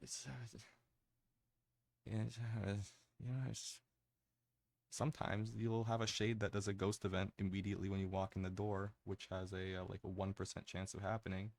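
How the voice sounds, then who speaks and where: A man's voice: level tone, moderate pace, darkish tone, dry recording. A man giving casual, rambling ASMR gaming commentary in a hesitant way, close to the mic. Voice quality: low, gravelly.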